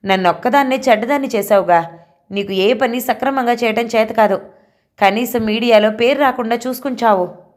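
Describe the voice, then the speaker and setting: A woman's voice: on the high side, fairly quick, pitched above the performer's own voice, lightly acted. A woman doing a stern mother, harsh, cutting, reproachful, slightly raised voice, audio novel. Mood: scolding. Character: stern scolding middle-aged mother.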